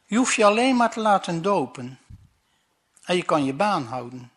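A man's voice: sits high, very animated, normal speed, a bit bright, exaggerated voice. A man voicing a businesslike company director making an offer to an employee. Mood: matter-of-fact.

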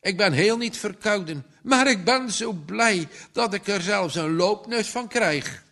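Storybook old father, flustered and hesitant, as a male reader puts him on; lively pitch. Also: measured pace, gravelly, full character voice.

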